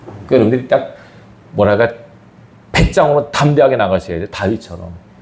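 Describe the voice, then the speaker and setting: In an echoey church sanctuary, a pastor with a lowish, slightly mellow voice delivers a sermon at a brisk, animated clip. He preaches emphatically, his voice lurching up and down in sudden rises and drops.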